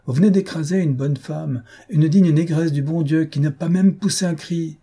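A man reading an audiobook, voicing a mocking man from a street crowd in a raised, husky voice. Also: moderate pace. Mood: mocking indignant. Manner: mocking, loud and high-pitched.

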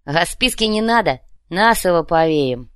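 A woman's voice: fairly low pitch, expressive, smooth, no room sound. A woman voicing a hasty, cocky male goblin underling in an audiobook reading. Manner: hurried, cocky.

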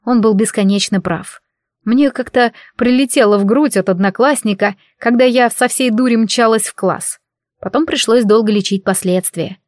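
A woman narrating a novel in the first person, with steady, engaged storytelling. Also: a little high, moderate pace, no room sound, studio quality. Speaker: audiobook narrator.

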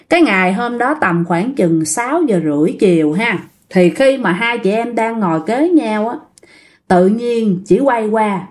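A woman telling a ghost story in a casual, chatty way, speaking straight to her listeners. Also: mid-range voice. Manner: chatty, addresses listeners directly.

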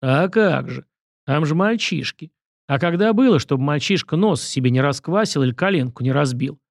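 A man's voice: a little high, animated, normal speed, vocal fry, dry recording, clean studio sound. A man voicing a proud, stubborn commoner who argues in a folksy, vehement way.

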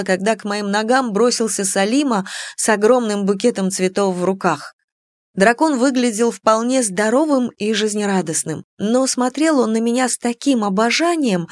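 A woman reading a first-person novel aloud in an even, measured storytelling manner. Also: medium pitch, no room sound. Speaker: audiobook narrator. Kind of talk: first-person scripted narration.

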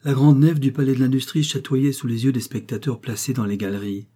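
A man reading a classic novel aloud as an audiobook narrator, in a measured, even delivery. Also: mid-range voice, husky. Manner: measured, evenly paced reading. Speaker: audiobook reader.

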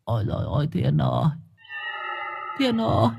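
A man's voice: on the high side, wildly swooping pitch, moderate pace, creaky, music in the background, pitched above the performer's own voice, heavily acted. A man doing a wailing grief-stricken old man. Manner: wailing, sobbing. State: crying. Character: grief-stricken older man wailing over a dead boy.

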